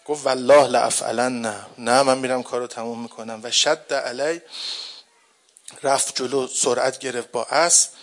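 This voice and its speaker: A man preaching a mourning sermon, moving from quiet storytelling to loud, grieving lament, and reciting passages in slow chanted lines. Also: mid-range voice, fairly even intonation.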